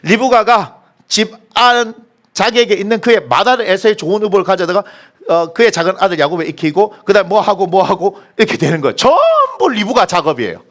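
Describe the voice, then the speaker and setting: A male pastor delivers a sermon in a church sanctuary. His voice sits high and swings widely in pitch. He keeps quizzing the congregation and then answering his own questions. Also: a little fast. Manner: animated, asks the congregation questions and answers them.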